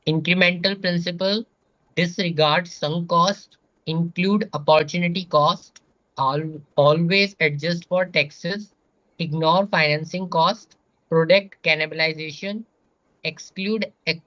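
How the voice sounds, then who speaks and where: A man, a student reading lecture slides aloud in a steady manner during an online class. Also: on the high side, slow. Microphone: video call. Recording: dull, dry call audio.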